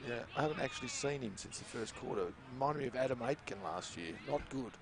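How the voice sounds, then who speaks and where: A man's voice: medium pitch, fast, vocal fry. A man with an Australian accent doing casual, joking commentary of a school football match outdoors. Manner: chatty, joking, lively banter. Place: outdoor sports ground. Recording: noisy outdoor livestream.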